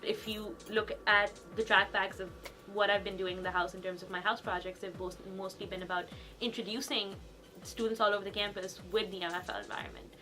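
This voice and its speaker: A woman's voice: mid-range voice, fairly even intonation, sharp tone, faint music behind. A young woman from Pakistan, a student talking chattily in a documentary interview. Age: young adult. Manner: fast, chatty, restarts mid-sentence.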